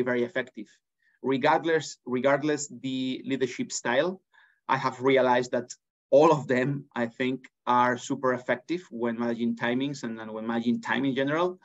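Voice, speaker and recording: A man in his thirties with a Spanish accent, talking earnestly as an interview guest from an office, with frequent restarts. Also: medium pitch. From Spain. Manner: earnest, many restarts and fillers. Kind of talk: conversational interview. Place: office with large windows. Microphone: laptop webcam on a video call. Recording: dull lo-fi video call audio.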